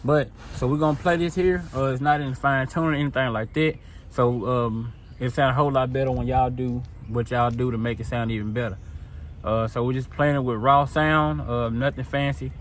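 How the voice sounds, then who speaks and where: In a laid-back demo of car audio gear, the host talks informally to his viewers at a moderate pace. His voice is medium in pitch with fairly even intonation, and the clear recording carries some background noise.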